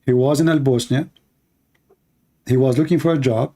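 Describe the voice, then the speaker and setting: A man with an Arabic accent hosts a call-in debate show, pressing callers insistently with questions and telling stories animatedly. His voice is mid-range and dark in tone, at a moderate pace.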